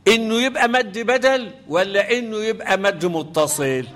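High-voiced Egyptian recitation teacher. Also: male voice, normal speed, a bit bright. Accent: Egyptian Arabic. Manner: quizzes the class with repeated questions, chants verses melodically. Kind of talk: classroom lesson on Quranic recitation rules.

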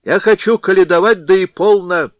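A man's voice: high-pitched, moderate pace, dry recording, muffled recording, pitched above the performer's own voice, lightly acted. A man voicing a sly, sulky middle-aged male cossack who mutters aggrieved complaints to himself.

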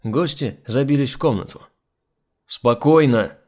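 Guy reading an audiobook, pitch moving around a lot, storyteller vibe. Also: moderate pace. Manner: lively first-person storytelling. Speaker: audiobook narrator. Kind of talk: scripted narration.

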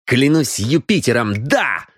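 A man's voice: sits high, big pitch swings, takes it slowly, breathy edge, dry recording, pitched above the performer's own voice, full character voice. Young nobleman, indignant and blustering, man reading, dry. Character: angry young lord, hot-tempered.

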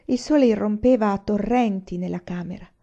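A woman reading a novel aloud as an audiobook, measured and expressive with slow pauses, on a dull lo-fi recording. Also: mid-range voice. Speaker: audiobook reader. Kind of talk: literary audiobook narration. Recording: dull lo-fi sound.

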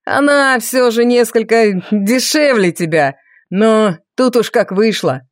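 A woman's voice: on the high side, lively intonation, slow, no room sound, clean studio sound. A woman voicing a cruel, mocking male viscount with a sneering, taunting manner in an audiobook. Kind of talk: audiobook character voice.

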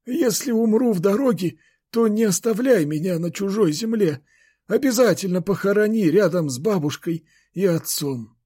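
A man's voice: high-pitched, lively intonation, moderate pace, mellow, husky, no room sound, clean studio sound, voice pushed up. A man voicing a frail, ailing old grandfather who sounds weary and resigned, in an audiobook.

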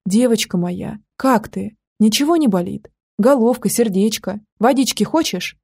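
A woman's voice: fairly high pitch, expressive, measured pace, creaky, a little mellow, slightly rough, heavily acted. A woman reading an audiobook, voicing a fierce, protective older woman who squeals and scolds. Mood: fussing.

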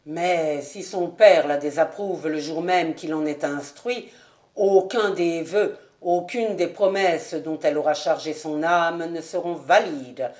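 Solemn elderly minister, low and measured; a female narrator plays him. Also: a little mellow. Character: stern elderly male minister reading scripture. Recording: echoey room.

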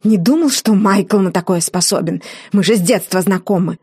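A woman reading an audiobook, voicing a weary, bewildered young baron who speaks slowly and quietly. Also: medium pitch, husky, no room sound, clean studio sound, natural voice. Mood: stunned. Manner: slow, stunned and quiet.

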